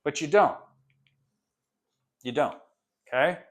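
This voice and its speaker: A male course instructor with a somewhat higher-than-usual voice talks through his lesson like a chat. He asks question after question and slips into quick impressions of students and parents to make his point. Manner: conversational, asks many rhetorical questions; briefly acts out imagined students and parents. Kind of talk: casual lecture.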